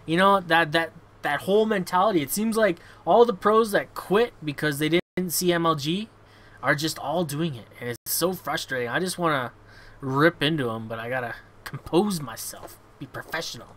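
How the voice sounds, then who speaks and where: A man's voice: fairly high pitch, normal speed, a bit bright. A man hosting a casual gaming podcast, blunt and sweary, often repeating words as he goes. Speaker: show host.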